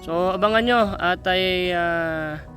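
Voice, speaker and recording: A man from the Philippines vlogging outdoors on a mountain, talking haltingly with many fillers and coaxing an old man. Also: sits high, a bit bright. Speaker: charity vlogger. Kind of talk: casual vlog talk to camera and an old man. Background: guitar music.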